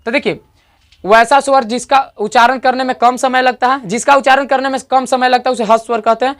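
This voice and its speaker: Teacher drilling vowel lengths. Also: male voice, very high voice, fairly bright tone. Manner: repetitive, checks understanding often; stretches out sounds to demonstrate vowel length. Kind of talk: online grammar lesson.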